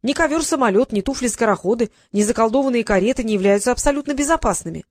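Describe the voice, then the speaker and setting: A woman's voice: fairly high pitch, expressive, fast talker, a little mellow, no room sound, studio quality. A woman reading an audiobook, voicing a sly, evasive male genie who is thousands of years old, with a wheedling, mock-respectful manner. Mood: scheming.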